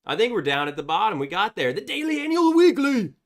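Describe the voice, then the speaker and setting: A man hosting a casual livestream reads viewer chats aloud in a chatty, upbeat manner, sounding congested from a cold. His voice is high and very animated, and he talks fairly quickly.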